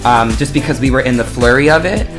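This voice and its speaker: Upbeat interview host, mid-pitched, chatty with viewers, music behind. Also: fast. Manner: upbeat, addresses viewers as "you guys". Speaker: show host. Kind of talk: casual interview hosting. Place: podcast studio.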